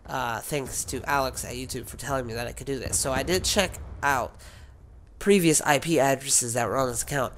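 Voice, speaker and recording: A man with a sick, worn voice talks casually to his viewers, wandering between points and restarting his sentences. His pitch sits in the middle range, and a faint noise hums under the recording. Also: a little fast, a bit bright. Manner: rambling, with many fillers and restarts. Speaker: gaming YouTuber. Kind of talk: rambling casual vlog talk.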